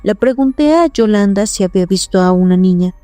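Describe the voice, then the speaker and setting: Woman narrating a horror story, mellow voice. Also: mid-range voice, expressive, no room sound, soft background music. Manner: measured, suspenseful first-person telling.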